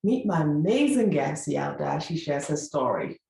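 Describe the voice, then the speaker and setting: A woman's voice: low voice, lively intonation, moderate pace, vocal fry, dark tone, echoey room, a little hiss or hum. A woman hosting a podcast interview, effusive and enthusiastic, sometimes stumbling over her words. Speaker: podcast host.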